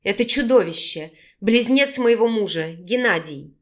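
A woman's voice: medium pitch, animated, a little slow, lightly acted. A guarded young heroine, fierce and firm, read by a woman. She answers in short, curt lines. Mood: tense.

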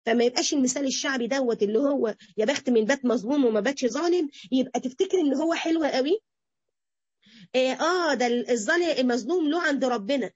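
Egyptian woman teaching religion, husky voice, dull lo-fi tape, very dry. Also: high-pitched, no echo. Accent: Egyptian Arabic. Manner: animated, acts out quoted speech. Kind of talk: Quran interpretation lesson to women.

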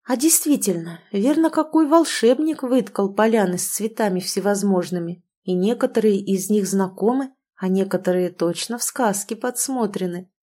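A woman giving an expressive, conversational audiobook narration with an intimate storytelling manner. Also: medium pitch, normal speed, few pauses.

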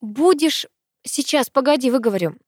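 Female reader plays a sassy, mocking kid sister, lively and high, storybook audio. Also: moderate pace, no echo, studio quality. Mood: teasing. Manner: sassy, teasing. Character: cheeky teenage girl, the narrator's younger sister.

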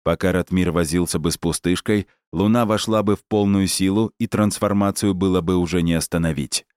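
A man narrates a novel in steady, measured scripted narration. His voice sits low and the sound is dry and close, with no room around it. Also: smooth, dry recording. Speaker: audiobook narrator.

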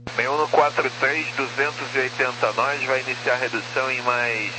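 A man's voice: mid-range voice, steady tone, fairly quick. A man making clipped, procedural readbacks over a crackly aviation radio. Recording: noisy crackly radio with engine drone.

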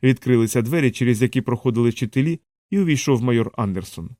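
A man narrating an audiobook in a steady, measured reading. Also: mid-range voice, no room sound.

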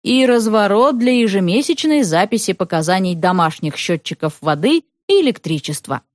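A woman narrating a storybook in an expressive reading style. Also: medium pitch, moderate pace, no echo, clean studio sound.

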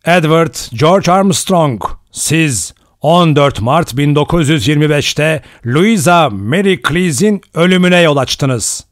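A man reading an audiobook voices a stern recorded male voice, making slow, formal accusations. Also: on the high side, expressive, no room sound, clean studio sound, pitched above the performer's own voice. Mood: accusing.

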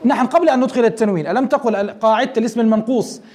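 A man teaching Arabic grammar in a very high voice, moving at a brisk clip. He walks his class through each rule step by step and keeps turning to them with questions. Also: darkish tone.

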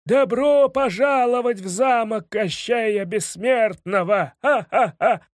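A man voicing Koshchei, a gleeful old sorcerer villain in an audiobook, loud, theatrical and mocking, with a cackling laugh. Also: sits high, slow pace, no echo, clean studio sound, voice pushed up. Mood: booming. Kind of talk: audiobook character voice.

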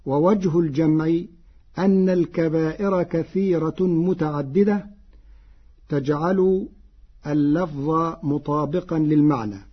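A man from Egypt, a Quran scholar, giving a formal radio lesson in a measured manner and chanting quoted words slowly and deliberately. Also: fairly high pitch, husky. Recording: dull lo-fi archival radio recording.

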